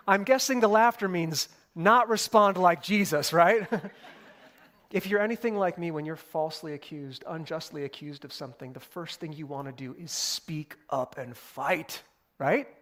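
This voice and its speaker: A young man preaching a sermon, talking through scripture in a casual, animated way with playful asides. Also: fairly high pitch, a little slow. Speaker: pastor.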